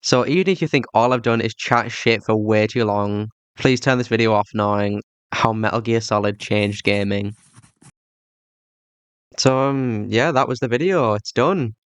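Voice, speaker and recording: A man's voice: on the low side, normal speed, smooth, dry recording. A man with a thick Yorkshire accent giving video commentary as host of a game retrospective, recorded on a cheap microphone. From Yorkshire, England. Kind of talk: scripted commentary, turning to casual thanks to viewers. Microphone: cheap budget microphone.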